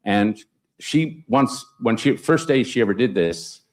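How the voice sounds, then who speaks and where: A man speaking on a conference panel, telling anecdotes with sudden upward jumps in pitch for emphasis. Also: animated, measured pace, a little mellow. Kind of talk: panel discussion storytelling.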